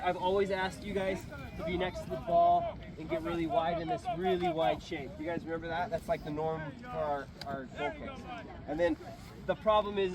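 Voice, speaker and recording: A man coaching a soccer team in a halftime pep talk, instructive and often checking understanding with short tag questions. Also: fairly high pitch. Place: outdoors at a sports field. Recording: outdoor field with clear traffic noise.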